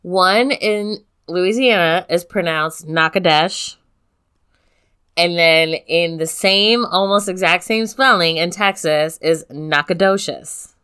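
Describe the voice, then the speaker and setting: A woman co-hosting a podcast in easy, casual chat, her voice low and smooth. She talks loosely, with lots of "like" fillers, and laughs readily. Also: slow pace, pushed and bright. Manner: chatty, filler-heavy, giggly. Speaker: podcast co-host.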